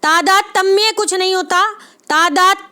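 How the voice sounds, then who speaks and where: Woman tutor, very high voice, repeats answers, patient exam-prep teaching. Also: moderate pace, fairly bright tone. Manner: repeats answers, frequent "ठीक है" check-ins. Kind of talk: exam-prep lesson, repetitive explanation.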